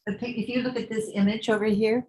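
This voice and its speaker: A woman's voice: a little high, steady tone, fast, darkish tone, a little hiss or hum, rough recording. An older woman from the United States giving a chatty, informal Buddhist teaching in a meditation room, often repeating words as she thinks. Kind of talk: informal dharma talk to a group.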